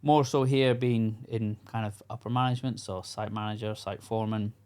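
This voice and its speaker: This Scottish man's voice sits on the low side, smooth and a little mellow, with fairly even intonation at a normal speed. Middle-aged and a coach to construction workers, he appears as a podcast guest in a casual chat, speaking frankly and earnestly with many fillers and restarts.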